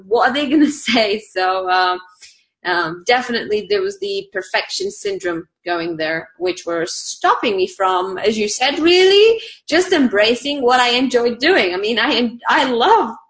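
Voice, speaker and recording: On the high side and fairly bright in tone, this woman's voice carries a Bulgarian accent. She's from Bulgaria, works as an online community manager, and chats casually in an interview, bubbly and often laughing between fillers.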